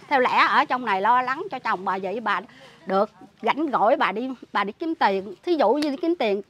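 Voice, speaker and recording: Bright, indignant southern Vietnamese woman. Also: a little high, expressive, normal speed. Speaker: interviewee, relative caring for a sick man. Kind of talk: emotional spoken account.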